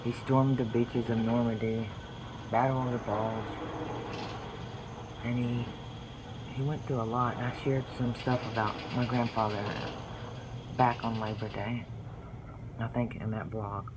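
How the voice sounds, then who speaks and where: A man's voice: medium pitch, little pitch movement, unhurried, pauses often, background noise. A man telling family stories in a vlog, partly reading from his book, in an earnest and heartfelt way. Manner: earnest, heartfelt, religious storytelling. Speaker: vlogger.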